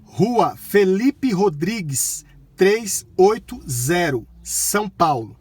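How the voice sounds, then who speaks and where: A Brazilian man from Bahia talking to a voice assistant in loud, clipped, carefully enunciated commands during an informal tutorial. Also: sits high, big pitch swings, takes it slowly, slightly rough, no echo. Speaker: tutorial presenter, shop owner.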